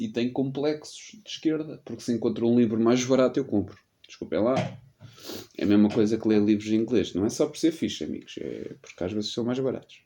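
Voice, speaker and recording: A man's voice: medium pitch, dark tone. A man in his late twenties with a European Portuguese accent, hosting a solo podcast in a rambling, slangy, self-deprecating storytelling manner while getting over a cold. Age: 20s. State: sick with a cold. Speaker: podcast host. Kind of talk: casual solo podcast chat.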